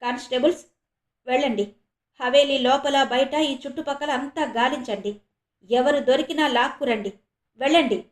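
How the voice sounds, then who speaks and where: A woman's voice: high-pitched, moderate pace, long pauses, lightly acted. A woman voicing a senior male police officer firmly giving orders in a storybook reading. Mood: commanding. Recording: roomy echo.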